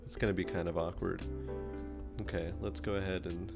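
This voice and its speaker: A man's voice: low-pitched, flat delivery, brisk, creaky. A man streaming live, chatting casually and thinking aloud with ums while he works through a design. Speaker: streamer and engineering teacher. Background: background music.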